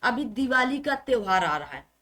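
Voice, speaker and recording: A woman with a high, bright voice teaching an online exam-prep lesson. She drills spellings by saying each word several times. She poses questions to the class and answers them herself. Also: sing-song, normal speed. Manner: repeats words drilling correct spellings, asks and answers her own questions.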